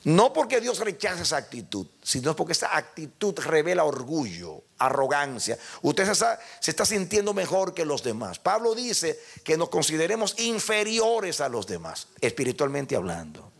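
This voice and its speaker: A man's voice: fairly high pitch, very animated, moderate pace, vocal fry, few pauses, slightly rough. An older male pastor preaching a sermon, emphatic and speaking directly to his congregation.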